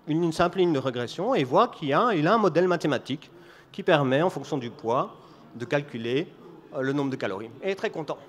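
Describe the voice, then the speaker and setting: Belgian guy giving a conference talk, medium pitch, tells a story to explain stuff, keeps restarting bits. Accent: Belgian French. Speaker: conference speaker.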